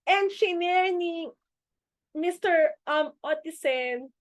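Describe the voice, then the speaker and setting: A high-pitched Filipino woman gives an upbeat team pep talk on a video call. She switches between Tagalog and English and keeps checking in with "di ba?" The sound is close and dry. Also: very slow, no echo. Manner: chatty, mixes Tagalog and English, often asks "di ba?". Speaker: team leader in a business meeting.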